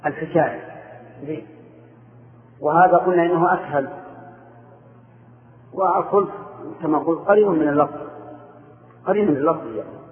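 A man teaching Arabic grammar quizzes his students and confirms their answers with short replies, speaking at normal speed in a fairly high voice and pausing often. The echoey room comes through a tinny, phone-like line.

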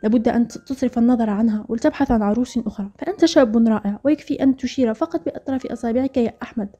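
A woman's voice: high voice, animated, rapid-fire, warm tone. A woman voicing a frank young woman scolding her brother in a storybook narration, reproachful and sarcastic. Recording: dull lo-fi audio with faint music.

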